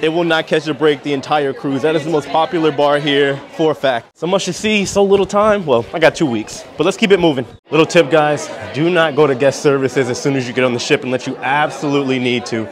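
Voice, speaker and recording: A man in his thirties narrates a casual travel vlog while walking around cruise ship interiors and open decks, filming with a phone or camera at arm's length. His voice is on the high side, a little fast with few pauses, and crowd noise surrounds him.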